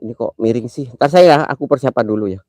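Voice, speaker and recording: A man hosts a live ghost-hunt stream from a cemetery at night, teasing and joking with his viewers in a playfully affectionate way. His voice is warm and mellow, with a stuffy, congested nose from a cold. The sound is close and dry. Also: medium pitch, animated, fast talker, dry recording. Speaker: livestream host.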